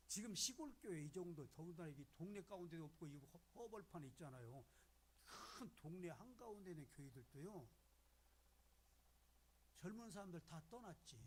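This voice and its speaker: A middle-aged man preaching a sermon as a guest preacher in a small rural church, telling stories with animated energy and acting out the voices he quotes. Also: high-pitched, slight background noise.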